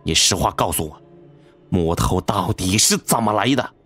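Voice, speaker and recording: A man's voice: low voice, lively intonation, normal speed, a bit bright. A man voicing a stern older male cousin who speaks severely.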